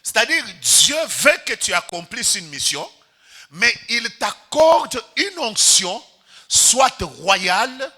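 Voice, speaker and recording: A man's voice: high voice, big pitch swings, slow, pushed and bright, husky. A Congolese pastor preaching a sermon in church, calling out to the congregation and stretching his key words for emphasis. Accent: Congolese French.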